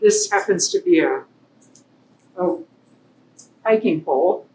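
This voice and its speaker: A woman exercise instructor calmly explaining and counting through moves, encouraging. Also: slow pace. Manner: calm, encouraging, counts reps. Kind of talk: demonstrating exercises. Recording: echoey room with faint rumble.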